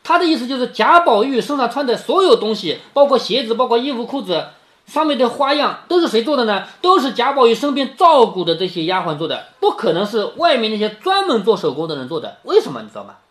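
A man reads an old classic novel to his daughter, stopping after each passage to paraphrase it in plain, everyday words. His very high, fairly bright voice swings hugely in pitch, and he keeps checking in with little questions, making it feel like an informal family lesson of casual retelling and explanation.

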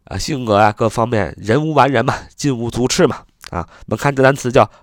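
A man's voice: mid-range voice, no echo, studio quality. A man teaching English vocabulary, who repeats each word many times and spells it out letter by letter. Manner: repeats words over and over, spells letters out slowly. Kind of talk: lesson, reading and spelling words slowly.

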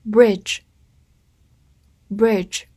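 Leading slow read-along drills and spelling words aloud, a woman delivers a scripted English vocabulary lesson. She speaks in a dark-toned, mid-range voice with little pitch movement.

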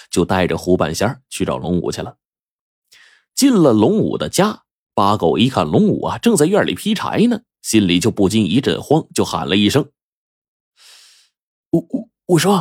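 A man storyteller narrating a folk tale in a lively, casual way, drawing out his sentence endings. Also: lowish voice, no echo, studio quality.

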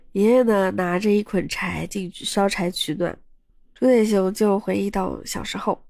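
A woman's voice: mid-range voice, a little mellow, dry recording. A woman podcast host casually retelling a story, chatty, with personal asides to her listeners.

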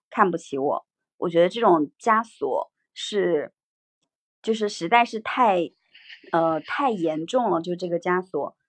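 A woman with a lowish voice and no echo hosts a casual livestream discussion as a podcast host. She reads out viewer comments and reflectively muses on them.

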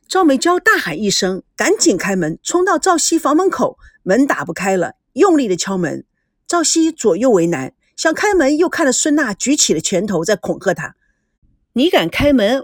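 A woman host narrating a serialized story in an expressive, animated storytelling manner. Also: medium pitch, no echo, clean studio sound.

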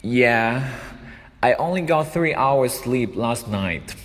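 A man's voice: mid-range voice, lively intonation, slow, a bit bright. A man reading the part of a tired young man who barely slept, answering in a plain, thankful way. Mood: weary. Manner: plain thankful reading of a learner's dialogue line. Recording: long room reverb.

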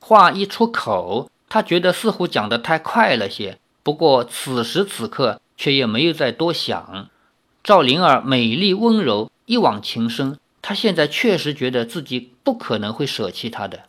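A man narrating a novel as an audiobook, with expressive storytelling. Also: medium pitch, normal speed.

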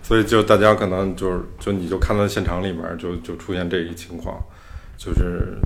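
A man's voice: deep voice, flat delivery, fairly quick, creaky. A man hosting a podcast, explaining music theory in loose, casual talk. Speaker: podcast host. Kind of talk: casual chat.

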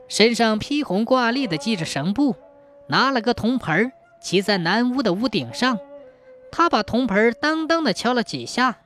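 A woman narrating a folk tale in a plain, steady way. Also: a little high. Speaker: storyteller.

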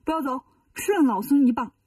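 A woman's voice: high voice, a little fast, dark tone, no echo, clean studio sound, far from the mic, natural voice. A woman voicing a cocky, brash male monkey hero in a children's storybook.

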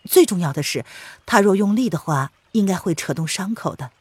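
A woman narrating an audiobook in an expressive storytelling read. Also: medium pitch, brisk, slightly rough, no echo.

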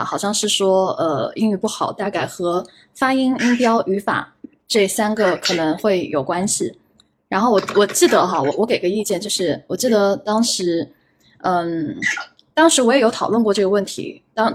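A woman's voice: medium pitch, slight background noise. A woman hosting a podcast, telling a reflective personal story in a casual, self-deprecating way, often repeating words as she thinks. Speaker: podcast host.

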